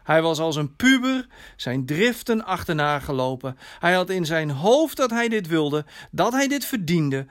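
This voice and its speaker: A man reading a dramatic story in a slow, measured way, his voice sinking softly at line endings. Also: fairly high pitch, very animated. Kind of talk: scripted dramatic narration.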